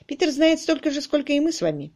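A woman voicing a composed, level-headed young woman who speaks calmly and soothingly. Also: high voice, quick pace, voice pushed up.

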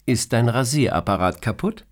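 A man voicing a cheerful, teasing woman who is the boss in an audiobook story, raising his voice high and lively for her. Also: moderate pace, close to an everyday voice. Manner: playful, teasing. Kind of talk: audiobook character reading.

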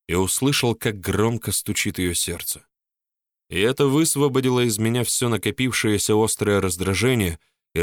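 A man reading a first-person story as an audiobook narrator, calm and steady. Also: fairly low pitch, no echo, studio quality.

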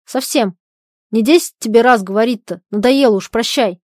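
A woman's voice: a little high, moderate pace, no room sound, studio quality, natural voice. A woman reading as a capricious, mocking young wife. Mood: capricious, impatient. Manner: teasing, sharp, dismissive. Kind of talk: dramatic reading of a stage play.

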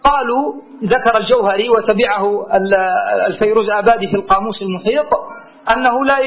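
A man teaching a grammar lesson, asking his students questions and repeating key words. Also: sits high. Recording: dull lo-fi lecture recording.

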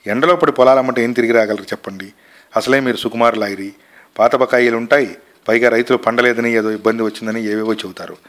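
A man's voice: medium pitch, fairly even intonation, quick pace, a bit bright, close to an everyday voice. A man voicing a patient, soothing young wife. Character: calm devoted wealthy young wife.

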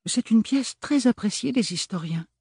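A man voicing a reserved, bespectacled young woman who speaks in a flat, professional tone in an audiobook. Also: high-pitched, normal speed, breathy edge, no echo, clean studio sound, voice pushed up. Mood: flat, curt.

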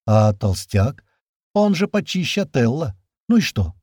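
A man's voice: mid-range voice, sing-song, measured pace, darkish tone, no room sound, clean studio sound. A man voicing a naive, teasing young woman who grows insistent, read for an audiobook. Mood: playful. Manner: playful, innocent, then insistent.

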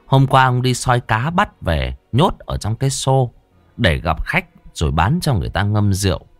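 A man narrating a horror story in a dramatic, expressive way. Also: on the low side, normal speed, dry recording, soft background music.

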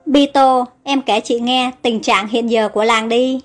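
A woman voicing a kind young noblewoman who gives gentle but brisk orders in a storybook. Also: a little high, fairly even intonation, soft background music, lightly acted. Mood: kindly brisk.

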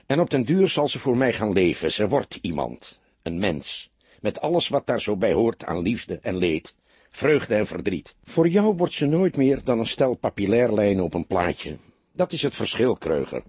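A weary, grim police detective in an audiobook, talking in terse, dryly sarcastic bursts and barking out his notes, as a male reader puts him on. The voice is husky, lowish and swings widely in pitch. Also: big pitch swings, moderate pace, darkish tone, no room sound.

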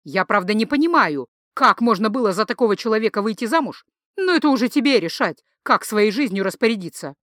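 A woman's voice: fairly high pitch, animated, brisk, a bit bright, dry recording, clean studio sound. A woman reading an audiobook, voicing a blunt, exasperated young woman.

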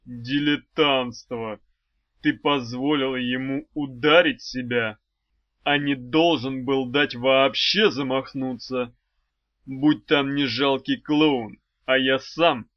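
A man voicing a proud, quick-tempered swordsman of darkness in an audiobook, slow and booming. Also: no room sound, lo-fi sound, natural voice. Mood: scolding. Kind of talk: audiobook character voice.

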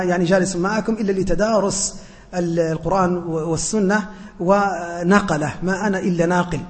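Sheikh guy teaching a class, humble and earnest, lots of pauses, long echo in a big hall. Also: high-pitched. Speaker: sheikh teaching a religious lesson. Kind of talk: lecture answering questions.

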